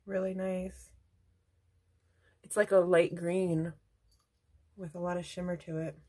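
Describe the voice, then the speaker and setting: A woman's voice: on the low side, flat delivery, slow, a little mellow. A woman beauty vlogger chatting casually at home while doing her makeup, rambling into asides. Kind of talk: casual get-ready-with-me chat.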